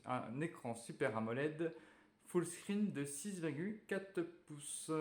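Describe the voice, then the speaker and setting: A man casually chatting while unboxing a phone, hesitant and full of fillers. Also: a little high. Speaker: tech reviewer unboxing a phone. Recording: echoey room.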